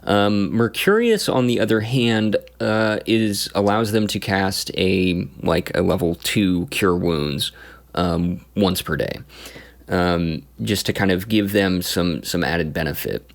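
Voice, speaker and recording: A man recounting his tabletop campaign as game master, in a casual, halting way with many pauses and restarts. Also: deep voice, vocal fry. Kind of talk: casual story recap.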